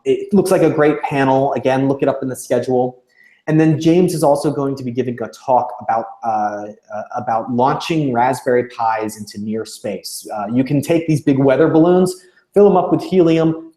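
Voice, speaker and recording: A man giving a casual, informative chat on a livestream, halting often with fillers and restarts, his voice carrying a roomy echo. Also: medium pitch, darkish tone. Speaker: organization representative on a livestream.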